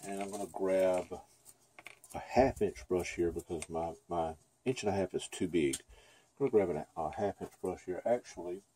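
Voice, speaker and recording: Deep-voiced man teaching painting. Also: normal speed, a little hiss or hum. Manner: relaxed, chatty, thinks aloud while painting. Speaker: painting instructor. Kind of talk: casual painting tutorial. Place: dim room at an easel.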